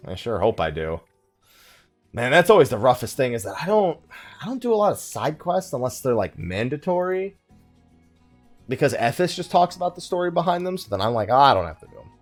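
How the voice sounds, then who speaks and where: With big swings in pitch and a brisk pace, a man with a mid-range voice hosts a let's play over faint music. He keeps up a rambling, joking commentary, playing up his exasperation and teasing himself.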